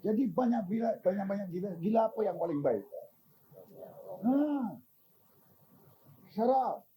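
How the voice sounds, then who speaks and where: An older man giving an informal religious talk, animated and teasing, often asking his listeners questions. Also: high voice, brisk, a little hiss or hum, poor audio. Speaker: religious teacher.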